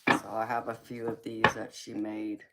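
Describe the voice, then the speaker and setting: On a very noisy recording, a young Southern woman speaks in a very deep voice at a moderate pace with a completely flat delivery. She hosts a casual tarot livestream, chatting and laughing with viewers as she answers their comments.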